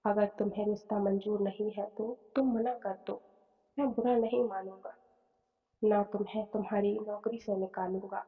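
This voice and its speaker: A woman's voice: medium pitch, steady tone, normal speed, husky. A woman voicing a kindly, well-off older man who employs the bride's father, speaking in a reassuring, fatherly way. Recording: phone-like tone, long reverb, soft music.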